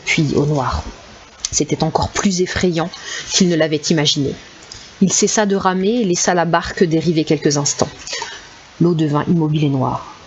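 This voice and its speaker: A woman reading a storybook aloud in calm, measured scripted narration. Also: deep voice. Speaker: audiobook narrator. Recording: slightly dull with faint hiss.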